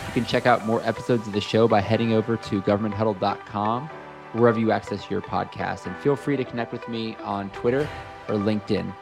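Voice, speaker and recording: A man's voice: lowish voice, steady tone, fairly quick, vocal fry, over music. A man hosting a podcast, thanking his guest appreciatively, with a few stammered restarts. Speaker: podcast host. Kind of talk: podcast interview.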